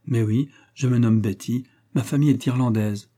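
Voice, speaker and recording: An earnest, polite young Irish woman, read by a man in an audiobook. The voice stays close to the reader's own. It is husky and mellow. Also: mid-range voice, fairly even intonation, moderate pace, lightly acted. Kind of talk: audiobook reading.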